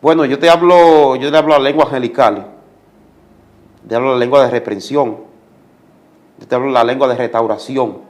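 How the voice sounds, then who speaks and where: A man's voice: medium pitch, normal speed, pauses often, a little mellow. A man giving a religious testimony as a guest, speaking like a preacher and repeating commands for emphasis.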